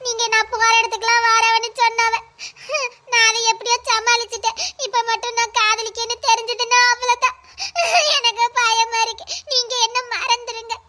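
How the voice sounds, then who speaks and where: A woman playing a frightened village girl, very high. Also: monotone, moderate pace, bright, forceful tone, a little hiss or hum. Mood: fearful. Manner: pleading, repeating herself anxiously. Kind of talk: amateur village drama.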